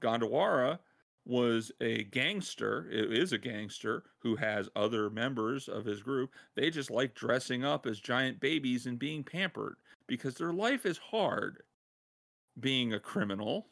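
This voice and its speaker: A man hosting a podcast, excitedly retelling a game side quest in casual chat and laughing as he goes. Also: mid-range voice, a little slow, vocal fry. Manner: excited, laughing storyteller who acts out quotes. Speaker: podcast host.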